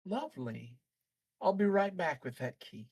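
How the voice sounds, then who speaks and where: A man's voice: sits high, sing-song, unhurried, darkish tone, slightly rough, pitched above the performer's own voice, full character voice. A man voicing a kindly, motherly female innkeeper with a folksy, chatty manner in a tabletop game. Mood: obliging.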